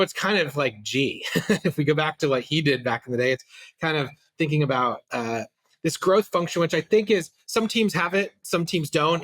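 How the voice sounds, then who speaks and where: A middle-aged man talks shop as a podcast guest, loose and conversational, often restarting his sentences and leaning on fillers like "uh" and "you know". His voice sits at an ordinary middle pitch. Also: a bit bright. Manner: casual, many fillers and restarts. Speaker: guest, company CEO. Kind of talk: business podcast interview.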